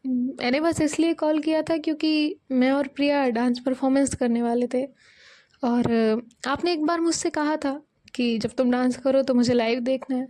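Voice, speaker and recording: A woman's voice: sits high, fairly even intonation, normal speed, a little mellow, lightly acted. A woman reading a polite young sister-in-law. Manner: polite, respectful.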